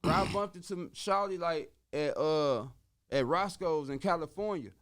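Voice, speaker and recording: A man's voice: on the high side, normal speed. A man guesting on a podcast, telling a long story in a casual, profane, slang-heavy way and acting out the voices of the people in it. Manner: animated, profane, slangy, acts out quoted voices.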